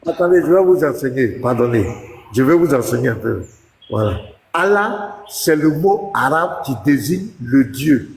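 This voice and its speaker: Lecturing pastor with a gravelly voice. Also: male voice, mid-range voice, animated, moderate pace, roomy sound, in a large hall. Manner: lecturing, insistent, talks over the other speaker. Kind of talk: heated religious debate.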